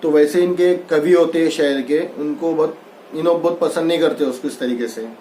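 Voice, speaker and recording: A man's voice: on the high side, moderate pace, warm tone, a little hiss or hum. A man teaching a Hindi textbook lesson. He reads a line and then re-explains it loosely, mixing in English words. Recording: echoey room.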